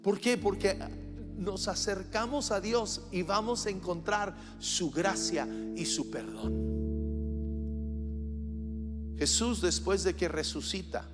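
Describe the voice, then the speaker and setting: A man preaching a live church sermon, swinging from loud declarations to hushed, soft passages. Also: sits high, slow. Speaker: pastor. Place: church sanctuary during a service. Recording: reverberant church hall with faint music.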